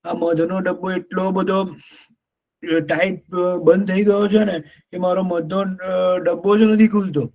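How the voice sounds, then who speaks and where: A man's voice: high voice, flat delivery, takes it slowly, a little mellow, low-quality recording. A man voicing a greedy, honey-loving male bear who grumbles and complains in a children's story. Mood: grumbling.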